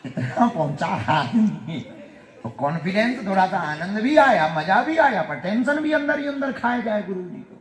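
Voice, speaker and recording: Male preacher, storytelling sermon, fairly high voice, lively exclamations, roomy echoey sound. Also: moderate pace, a crowd in the background. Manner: animated storytelling with sudden loud exclamations; folksy, chuckling asides. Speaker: spiritual preacher.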